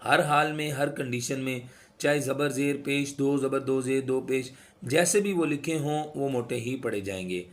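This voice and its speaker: A man teaching recitation rules, explaining each rule and then slowly chanting the words with drawn-out sounds to demonstrate. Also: mid-range voice. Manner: instructive, repeats sounds to demonstrate. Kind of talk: tajweed lesson.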